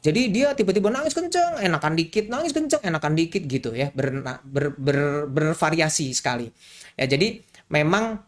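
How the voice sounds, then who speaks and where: A man, a doctor, explaining things in a casual, chatty way, animated and often repeating key words. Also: a little high. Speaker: doctor explaining infant health.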